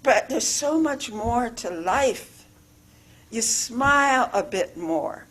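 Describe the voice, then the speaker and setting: A woman's voice: on the high side, animated, takes it slowly, fairly bright tone. A woman giving an informal, rambling sermon in a church, stressing words and repeating herself. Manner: rambling, repetitive, emphatic. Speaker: spiritual living speaker. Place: church sanctuary.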